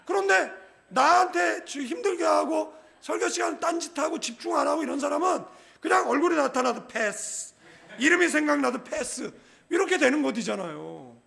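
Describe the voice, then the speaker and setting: A man in middle age preaches in a church with a very high, gravelly voice. His pitch swings lively as he jokes and keeps calling out to the congregation for a response. He drops into a lower voice when he quotes other people. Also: moderate pace. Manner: humorous, conversational preaching with frequent call-and-response "예?". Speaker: pastor. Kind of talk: sermon. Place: church sanctuary.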